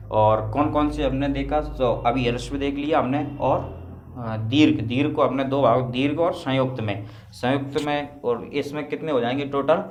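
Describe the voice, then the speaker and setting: A man teaches a lesson at a middle pitch, putting questions to his students and then answering them himself. His voice carries a roomy echo, as if recorded in a bare classroom. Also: slight background noise. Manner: explains step by step, asks and answers his own questions. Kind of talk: classroom lecture.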